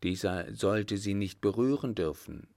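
A man reading a historical novel aloud in measured scripted narration. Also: fairly low pitch, expressive, a little mellow. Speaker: audiobook reader.

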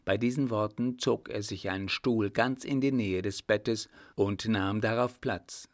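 A man reading a classic novel aloud as an audiobook narrator, measured and even. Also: fairly low pitch, no echo, studio quality. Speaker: audiobook reader.

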